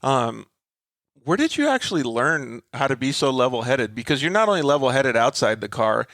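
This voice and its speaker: A chatty, relaxed man hosts a casual interview, talking loosely with plenty of fillers and easy asides. His voice sits at an ordinary middle pitch. The sound is dry and close, with no room echo. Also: normal speed. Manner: chatty, laid-back, filler-heavy. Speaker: show host.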